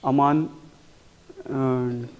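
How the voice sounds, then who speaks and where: A man teaching a spoken English class, mixing Hindi and English and slowly repeating words for his students to copy. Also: mid-range voice, fairly even intonation, clear, resonant tone, phone-quality sound. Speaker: English communication coach.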